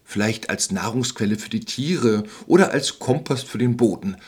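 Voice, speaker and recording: Calm, wise storybook eco-sage, teacherly and husky, read by a man. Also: medium pitch, moderate pace. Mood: lecturing. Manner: soothing, lecturing. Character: calm wise male forest environmental expert.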